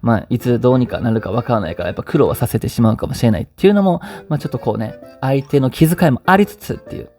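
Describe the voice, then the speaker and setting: A man's voice: mid-range voice, lively intonation, rapid-fire, few pauses, dark tone. A man with a Kansai accent hosting a casual radio-style podcast, reading listener stories in a chatty way and laughing often. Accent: Kansai Japanese. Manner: chatty, laughs often, refers to himself by nickname. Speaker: podcast host. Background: faint background music.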